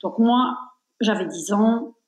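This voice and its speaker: A woman's voice: medium pitch, slow pace, reverberant. A woman in her fifties, born in Belgium, speaking as a guest in a conversational interview, reflective and emphatic, with many fillers. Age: 50s.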